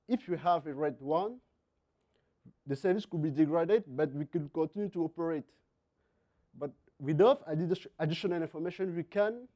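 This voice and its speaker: Mellow man with a French-Cameroonian accent. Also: on the high side. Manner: halting non-native English with repeated words. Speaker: conference speaker, software engineer. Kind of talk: technical conference presentation.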